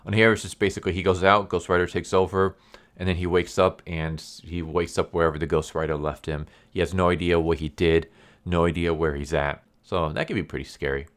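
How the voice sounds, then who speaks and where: Male reviewer, very low voice, non-native English speaker, R's come out as W's, stumbles over words, casual rambling delivery. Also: flat delivery. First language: a language other than English. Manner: says w for r, slows down on r sounds. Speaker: comic book reviewer.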